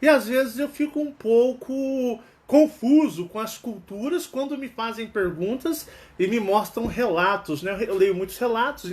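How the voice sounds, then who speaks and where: Brazilian man with a Mineiro accent, high-pitched, rambling and chatty, acting out little dialogues as he talks. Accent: Mineiro, Minas Gerais. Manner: chatty, rambling, with frequent tag questions; acts out quoted dialogue animatedly. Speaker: channel host. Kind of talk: casual spoken monologue.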